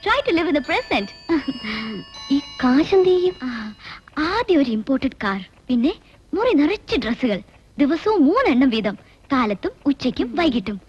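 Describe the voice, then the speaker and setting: Casting: a fast-talking con-woman, very high voice, dull film sound. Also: slight background noise. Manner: chatty, teasing. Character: cheeky young woman con artist, quick-talking schemer. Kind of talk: film acting.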